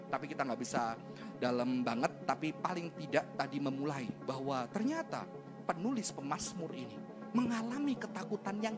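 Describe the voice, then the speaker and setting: Male pastor, high and expressive delivery, chatty sermon over background music. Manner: animated and conversational, rhetorical questions, slangy asides.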